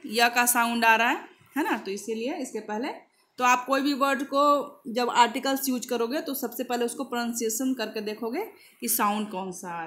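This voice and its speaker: A woman teaching English grammar in Hindi, who reads English examples slowly and keeps checking "है ना". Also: a little high, a bit bright, a little hiss or hum.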